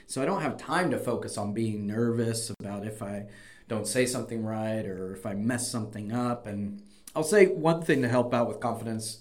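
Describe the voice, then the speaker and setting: A man's voice: fairly low pitch, a little mellow. A man hosting a conversational podcast, explaining his points and giving encouraging advice like a coach. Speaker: podcast host and debate coach.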